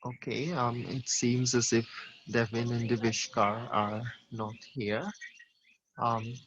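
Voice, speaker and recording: Teacher for an online class, man, mid-pitched, questioning tone, muffled lo-fi call audio. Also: level tone, takes it slowly, a bit bright, a little hiss or hum. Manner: questioning, calls on students by name. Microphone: video call.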